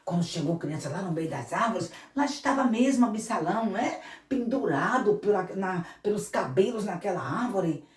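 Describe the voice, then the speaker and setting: A woman missionary telling a Bible story to children, animated and speaking to them directly. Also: mid-range voice, moderate pace. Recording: echoey room, mic far off.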